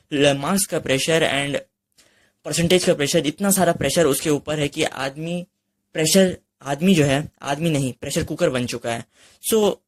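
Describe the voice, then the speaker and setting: A young man delivers an earnest motivational monologue with a slightly high voice. He drives his points home through repetition, speaking straight to the listener and slipping English phrases into his talk. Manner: mixes English phrases into Hindi speech.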